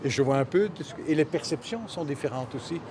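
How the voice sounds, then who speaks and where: Busy crowd noise surrounds a Belgian cartoonist and press illustrator, a native Dutch speaker, as he answers an interview casually. His pitch is fairly high, his intonation lively, and his pace quick.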